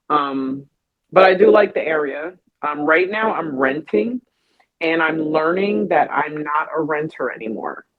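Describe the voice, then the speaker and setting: A woman co-hosting a podcast in casual chat, telling stories in an animated way with a husky voice. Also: sits low, narrow, tinny audio. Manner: animated storyteller. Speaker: podcast co-host.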